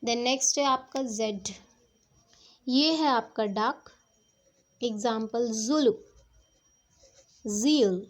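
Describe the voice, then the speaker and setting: A woman's voice: on the high side, takes it slowly, long pauses. A woman teaching shorthand strokes step by step, patiently checking that her students follow. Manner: patient, repeats "ठीक है" to check understanding. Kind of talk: step-by-step classroom explanation.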